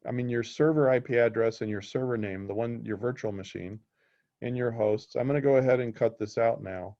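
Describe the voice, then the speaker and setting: A man's voice: medium pitch, warm tone. A man teaching a live technical class in a casual way, often checking that his students are following. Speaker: instructor. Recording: dull lo-fi recording.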